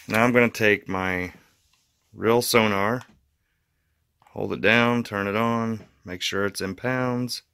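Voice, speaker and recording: A man hosts his fishing channel from a carpeted indoor room, talking casually through a how-to in a relaxed, rambling way with fillers and restarts. His lowish voice is clean in tone with vocal fry, slow, and often pausing.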